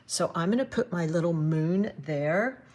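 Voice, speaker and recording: A woman giving a relaxed watercolor painting demonstration, thinking aloud as she works and chatting to her viewers. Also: lowish voice, unhurried. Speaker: watercolor art teacher.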